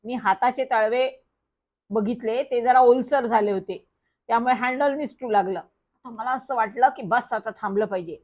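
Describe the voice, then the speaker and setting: A woman reads a children's story aloud in a lively first-person telling. Her voice sits slightly high. The recording sounds dull and lo-fi. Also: normal speed.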